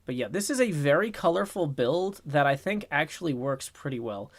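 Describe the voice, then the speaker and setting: A man hosting a casual livestream in a raspy, strained put-on voice, chatting and reading viewer comments into a boom mic. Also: lively intonation, normal speed, dry recording. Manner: rambling, chatty, talks to chat while working on a build. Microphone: boom microphone.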